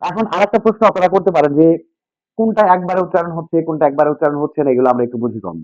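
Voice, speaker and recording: A man's voice: fairly high pitch, darkish tone, dry recording. A man teaching English grammar to a class, repeating key points and asking students questions. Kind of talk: classroom lesson with call-and-response. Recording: dull, dry lo-fi sound.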